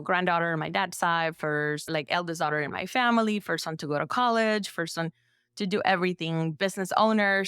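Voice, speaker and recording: Woman, from El Salvador, low smooth voice, dry close sound, chatty, lots of fillers, podcast guest. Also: a bit bright, no room sound. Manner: chatty, filler-heavy with frequent "like". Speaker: therapist and business owner, guest. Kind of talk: casual interview conversation.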